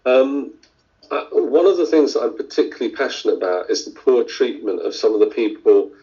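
A man's voice: medium pitch, animated, a little fast, warm tone. A middle-aged man from India, a surgeon answering interview questions in a thoughtful way, with many fillers and restarts. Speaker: surgeon guest. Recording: dull lo-fi audio.

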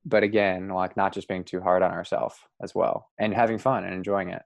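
A man hosting a podcast interview, talking in a relaxed, rambling way and laughing easily. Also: sits low, brisk, creaky, no echo, dull audio. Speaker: podcast host. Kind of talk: casual interview chat.

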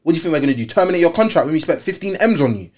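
A man's voice: fairly high pitch, big pitch swings, racing, a little mellow. A man with an urban London roadman accent hosting a casual football debate, emphatic and repetitive, full of street slang and rhetorical questions. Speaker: football show host.

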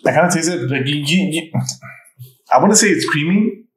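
A man co-hosting a podcast in casual chat, rambling with halting restarts. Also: fairly high pitch, lively intonation. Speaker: podcast co-host. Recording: echoey room.

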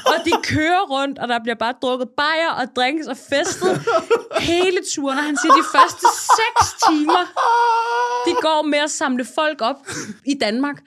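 Lively young woman telling stories. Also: high voice. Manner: lively storytelling, acting out quotes. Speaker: podcast guest. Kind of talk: casual podcast chat.

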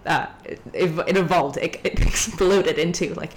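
A young woman from Hong Kong telling a story in a casual podcast chat, ranty and animated. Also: lowish voice, moderate pace, slight background noise. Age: young adult. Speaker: guest.

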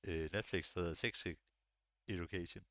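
A young man chatting casually on a podcast, relaxed and hesitant, with lots of fillers and restarts. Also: deep voice, no echo, clean studio sound. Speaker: podcast co-host. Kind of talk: casual chat.

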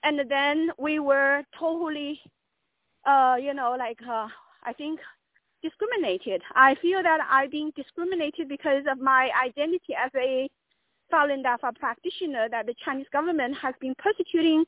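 Female caller, high voice, halting unscripted complaint over thin phone audio. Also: dry recording. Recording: tinny dry phone line.

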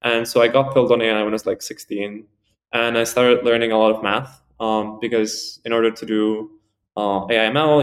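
A young man in his early twenties from Spain, answering interview questions in a rambling, casual way full of "like" and "um". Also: on the low side. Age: early 20s. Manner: rambling, heavy use of "like" and fillers. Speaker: podcast guest.

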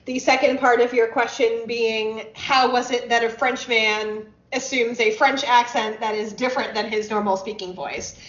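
Higher-voiced woman, roomy lo-fi podcast sound. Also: fairly even intonation, normal speed, hardly any pauses, a bit bright. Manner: explains at length, reads out history notes, dry wit. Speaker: podcast co-host. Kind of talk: casual chat.

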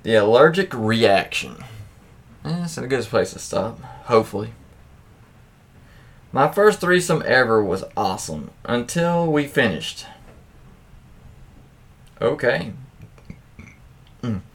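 Taking it slowly and pausing often, a man with a mid-range voice and big pitch swings reads anecdotes on his podcast. His delivery is casual, full of informal, profane interjections and offhand commentary.

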